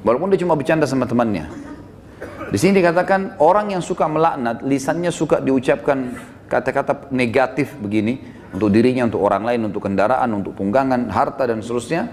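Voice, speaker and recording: A man delivers a sermon in a voice of ordinary middle pitch, explaining patiently and asking the audience short checking questions. He slows down to chant Arabic verses. The sound carries a long hall reverb and a faint background hiss. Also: darkish tone. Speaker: preacher.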